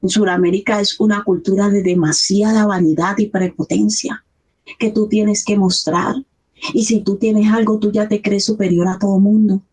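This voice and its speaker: A woman's voice: mid-range voice, fairly even intonation, moderate pace, darkish tone, husky. A middle-aged woman pastor, preaching a sermon in an earnest, conversational way. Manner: earnest, conversational preaching, acts out quoted voices.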